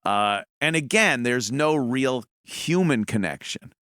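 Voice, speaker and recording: A man's voice: mid-range voice, animated, takes it slowly, a bit bright, clean tone, no echo, clean studio sound. A man hosting a show, rambling with sarcastic asides. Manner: rambling, sarcastic, frequent fillers. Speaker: show host. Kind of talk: casual commentary.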